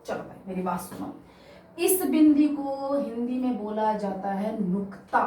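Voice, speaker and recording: A woman's voice: a little high, lively intonation, unhurried, warm tone, roomy sound, distant mic, a little hiss or hum, low-quality recording. A young woman with a Haryanvi accent teaching an exam-prep Hindi lesson, emphatic and repeating key words as she addresses her students.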